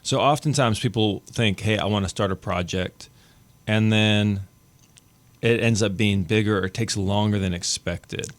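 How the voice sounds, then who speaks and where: A man's voice: lowish voice, unhurried. A man hosting a radio chat show, jokey and chatty with lots of fillers. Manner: jokey, chatty, uses "like" a lot.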